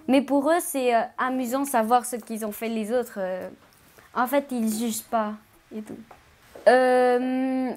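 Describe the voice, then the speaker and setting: A woman's voice: a little high, slight background noise. Shy young woman searching for words. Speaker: student. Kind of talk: interview testimony.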